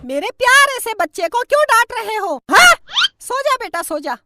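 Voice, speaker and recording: A woman voicing a sharp-tongued mother who mocks her husband and dotes on her son in a homemade comedy skit. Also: extremely high pitch, big pitch swings, moderate pace, slight background noise, full character voice. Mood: coddling. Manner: taunting, mocking, coddling. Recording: background music.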